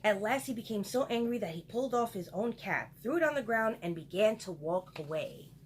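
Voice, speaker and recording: A woman's voice: medium pitch, lively intonation, fairly quick, a little hiss or hum. A woman reading a picture book aloud to children and adding chatty asides to her listeners. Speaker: storyteller for children.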